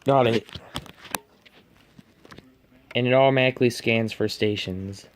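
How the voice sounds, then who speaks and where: Working through an unboxing and setup, this hobbyist reviewer offers casual commentary, muttering to himself along the way. He speaks at a medium pitch and a little slowly, over a noisy home recording full of clicks and beeps.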